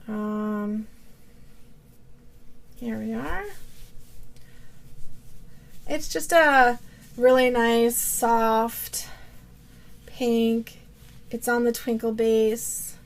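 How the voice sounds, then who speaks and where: A woman from Vermont, USA, who has a cold hosts a yarn-dyeing video podcast, chatting casually and rambling with many fillers and restarts. Her voice is on the high side with fairly even intonation, drawn-out words and frequent pauses.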